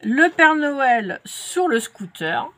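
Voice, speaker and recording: Slow-talking woman with a stuffy nose. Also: high-pitched, sing-song, bright, forceful tone, slight background noise. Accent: French. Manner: chatty, many fillers and restarts. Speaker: crafts vlogger. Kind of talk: casual product unboxing.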